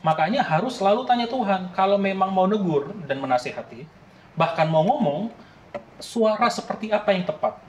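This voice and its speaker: A man in his late thirties preaches a sermon, earnest and conversational, often turning to the congregation. His voice sits a little high for a man. It echoes through a roomy church hall over a faint background ambience. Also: expressive, moderate pace, darkish tone, a little hiss or hum. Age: late 30s. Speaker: pastor.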